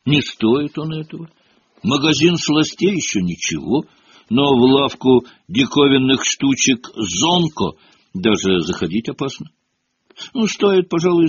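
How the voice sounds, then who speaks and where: A man's voice: on the high side, slightly rough, dry recording, voice pushed up, full character voice. A man voicing a fussy, self-important teenage boy prefect, speaking loftily and dismissively. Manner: lofty and dismissive. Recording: dull lo-fi audio.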